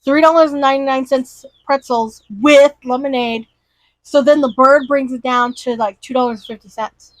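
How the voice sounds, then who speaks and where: A woman's voice: sits high, steady tone, moderate pace, no echo, poor audio. A woman in casual chat, animatedly retelling a cartoon and acting out the characters' lines. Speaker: podcast co-host.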